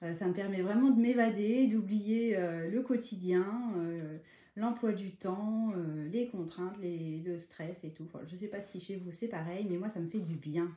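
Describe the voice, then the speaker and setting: A woman hosting a live craft tutorial, chatting casually, greeting viewers by name and filling pauses with hesitations. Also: lowish voice, mellow. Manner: chatty, greets viewers by name mid-sentence, many fillers.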